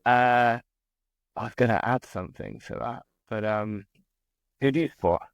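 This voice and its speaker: A man's voice: medium pitch, normal speed, clean tone, no room sound, lo-fi sound. A man from southern England with a modern British RP accent, chatting casually and discursively as an interview guest. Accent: southern English RP. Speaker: interview guest, English teacher. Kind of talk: casual conversation.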